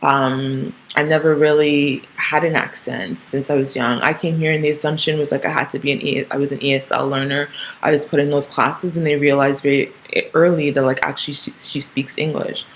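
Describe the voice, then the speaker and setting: Speaking briskly in a low, level tone, a woman in her thirties from Canada rambles through a casual solo podcast episode. She peppers it with ums, restarts and tag questions, and the poor audio has slight background noise.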